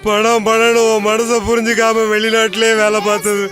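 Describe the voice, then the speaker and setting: An actor playing an adult husband back from work abroad, shouting threats in fury and then wailing in grief, in a film. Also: male voice, sits high, monotone, moderate pace, close to an everyday voice. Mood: grieving. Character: enraged grieving husband, adult man. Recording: film soundtrack with loud music.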